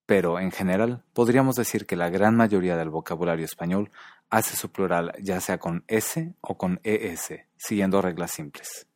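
Low-voiced man, calm educational narration. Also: no echo, clean studio sound. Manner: calm, measured, pronounces foreign example words carefully. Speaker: narrator of a language video.

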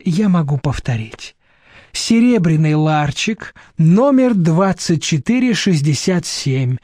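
A man voicing a stern, shrewd middle-aged woman who speaks slowly and cuttingly. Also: sits high, darkish tone, no room sound, studio quality. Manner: slow, cutting, steely.

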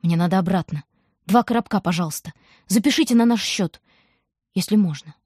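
A woman's voice: medium pitch, fairly quick, a little mellow, husky, no room sound, studio quality, lightly acted. A woman voicing a brave, stubborn young girl in an audiobook, urgent and determined. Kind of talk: audiobook reading.

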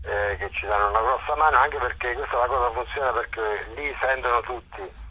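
Over a dull, telephone-quality radio connection with slight background noise, a middle-aged Molise native who coordinates a walking event tells his story informally, faltering and restating as he goes. He has a mid-range voice, brisk, bright, and forceful.

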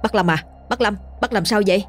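A woman voicing a young village man, rushed, fretful and gossipy. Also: medium pitch, soft background music, pitched above the performer's own voice, lightly acted. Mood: alarmed.

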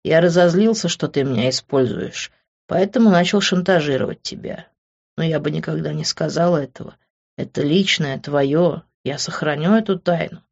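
A woman voicing a pushy, possessive young man in an audiobook, in an insistent, smooth-talking manner. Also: deep voice, moderate pace, a little mellow. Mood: soft coaxing. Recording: dull lo-fi recording.

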